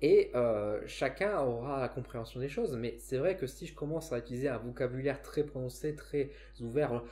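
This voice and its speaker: With a Ch'ti accent from northern France, this spiritual vlogger speaks to camera in a relaxed, reflective way, frequently pausing and starting sentences over. He has a mellow, mid-range voice and a moderate pace.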